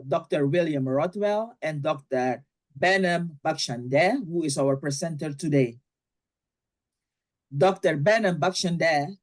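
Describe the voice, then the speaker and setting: A woman hosting a webinar, reading a scripted introduction with deliberate, careful phrasing and occasional fillers. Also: fairly low pitch. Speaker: webinar host.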